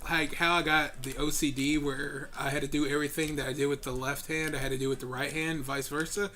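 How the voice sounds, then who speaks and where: A man's voice: fairly high pitch, level tone, a little fast, sharp tone. A man co-hosting a casual video game session, chatting and laughing often as he plays. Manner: giggly, laughs often while joking. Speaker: co-host playing a video game. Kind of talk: casual gaming chat.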